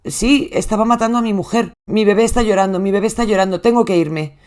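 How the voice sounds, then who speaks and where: Narrator voicing a frantic husband on an emergency call. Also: male voice, sits high, moderate pace, a little mellow, voice pushed up, natural voice. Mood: panicked, pleading. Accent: Spain Spanish. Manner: frantic, pleading, repeating himself. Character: panicked husband on a 911 call. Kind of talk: reading a translated emergency call.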